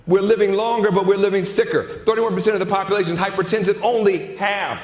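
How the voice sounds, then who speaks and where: A man giving an emphatic conference keynote in a large hall, repeating phrases for effect and asking rhetorical questions. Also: high-pitched. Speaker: keynote speaker. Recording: echoey hall, long reverb.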